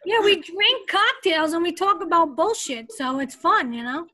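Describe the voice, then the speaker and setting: A woman, a radio voiceover artist, chatting in an animated way on a video call. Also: very high-pitched, moderate pace. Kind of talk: casual chat.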